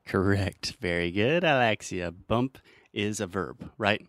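A man's voice: fairly low pitch, animated, slow, a bit bright, dry recording. A man hosting an English-learning podcast, teasing his guest and explaining grammar patiently with examples. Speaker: podcast host and English teacher. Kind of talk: casual teaching chat.

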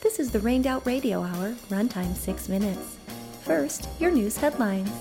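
A woman voices a formal female radio announcer for a spoof local station. The voice is on the high side, with clear music behind it. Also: lively intonation, unhurried.

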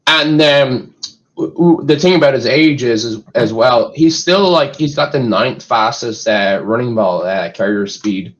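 A man's voice: mid-range voice, a little slow, highs cut off. A man guest-analyst in a casual sports chat, speaking hesitantly with frequent stutters and fillers.

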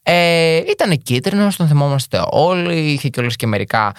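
A man's voice: a little high, lively intonation, smooth, dry recording, studio quality. A young man hosting a podcast in a casual, chatty monologue, full of joking asides. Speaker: podcast host.

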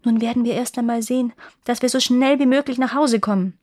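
A woman's voice: a little high, a little fast, a little mellow, no echo, lightly acted. A woman voicing a young male prince, eager and devoted, who speaks urgently and gives commands in a read-aloud fairy tale.

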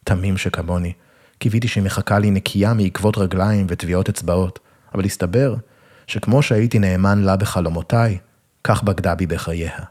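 A man reads a first-person story aloud, wry and self-mocking. His voice sits low and sounds husky. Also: fairly even intonation, darkish tone. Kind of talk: first-person literary reading.

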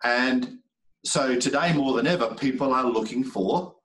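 A sales trainer appears as a podcast guest, talking casually while emphatically repeating words for effect. His mid-range voice is fairly bright and measured in pace. He sounds roomy and distant from the mic.

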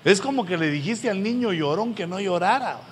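Guy preaching, earnest, bursts loud sometimes, faint room noise and echo. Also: high-pitched, animated, brisk. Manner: earnest, pleading, with sudden loud emphatic rises. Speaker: pastor. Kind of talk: sermon to pastors. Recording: long hall reverb, faint background noise.

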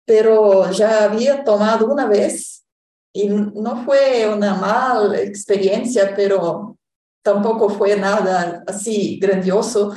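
An echoey, slightly distant recording of a woman. She speaks slowly and with a mellow tone. Her casual sharing is hesitant and drifts between languages. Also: mid-range voice. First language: Portuguese. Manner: hesitant, slipping between Spanish, Portuguese and English. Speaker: panel participant. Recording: echoey room, distant microphone.

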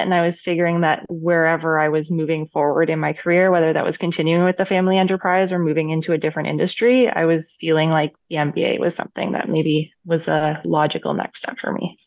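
A woman student answering questions on a podcast panel in a measured, thoughtful way. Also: on the low side, no room sound, dull audio.

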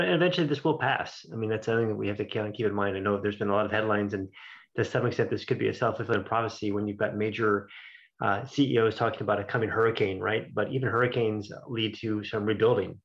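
A man giving unscripted expert commentary as a panelist, measured and hesitant, often rephrasing as he goes. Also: on the low side. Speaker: investment strategist on a panel. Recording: slightly dull, lo-fi audio.

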